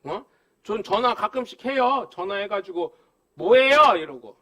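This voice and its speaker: A man preaching a live Sunday sermon as pastor, animated and humorous, with emphatic exclamations. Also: sits high, normal speed. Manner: animated, humorous, acts out dialogue.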